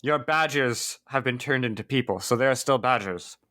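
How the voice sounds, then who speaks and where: A man playing a flustered young nobleman who tries to sound grand and formal, but keeps getting exasperated with his servant. The voice is mid-pitched and bright, with some edge to it. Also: normal speed, natural voice.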